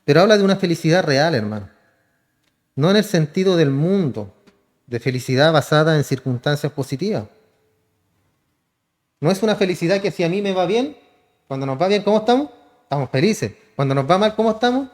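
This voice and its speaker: A man's voice: on the high side, animated, a little fast, long pauses. A man, a pastor preaching a sermon, often calling listeners "hermano" and answering his own questions. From Chile. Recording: church hall reverb.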